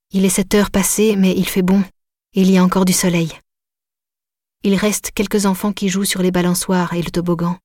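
Woman reading a first-person audiobook, quiet and close, slips into whispers, super dry sound. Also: medium pitch, dry recording. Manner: quiet, intimate, at times whispered. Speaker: audiobook narrator.

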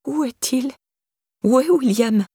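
A woman's voice: high voice, slow, warm tone, slightly rough, no room sound, studio quality, voice pushed up, exaggerated voice. Woman doing a frail, confused old woman. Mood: pleading. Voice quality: pleading, faltering. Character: confused, frightened elderly woman, gentle and frail.

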